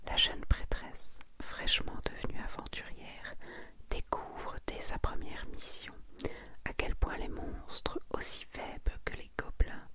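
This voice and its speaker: This ASMR video features a woman quietly presenting her manga collection. Her whispering stays gentle and slow as she reads from the books and remarks on them.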